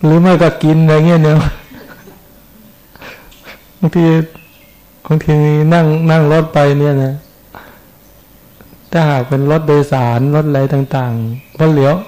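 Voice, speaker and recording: Middle-aged monk giving a chatty sermon, kinda high voice but mellow, keeps asking the crowd stuff. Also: male voice, poor audio. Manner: conversational, asks listeners questions. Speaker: Buddhist monk giving a dharma talk.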